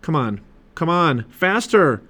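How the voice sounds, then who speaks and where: A man's voice: medium pitch, sing-song, moderate pace, lightly acted. A man voicing a nervous, bookish young boy in a storybook read-aloud, sounding worried and exasperated.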